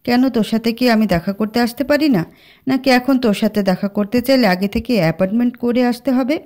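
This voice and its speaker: A woman voicing Siam, a calm caring friend. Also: fairly high pitch, brisk, pitched above the performer's own voice, natural voice. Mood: wry. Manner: cool, reasoning.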